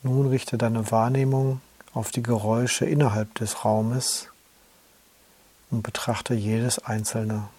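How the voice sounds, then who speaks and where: Slow, calm male relaxation guide. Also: medium pitch. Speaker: yoga nidra guide.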